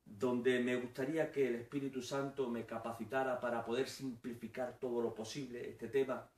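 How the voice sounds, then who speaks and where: A male preacher opening his sermon in a measured, earnest way. His pitch stays level with little movement. He is recorded from a distance in a room with noticeable echo. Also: flat delivery, a little mellow. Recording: echoey room, far from the mic.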